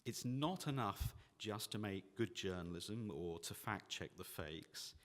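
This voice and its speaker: A man giving a measured, earnest closing talk as a conference panelist. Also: on the low side, expressive. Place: conference hall. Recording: reverberant conference hall.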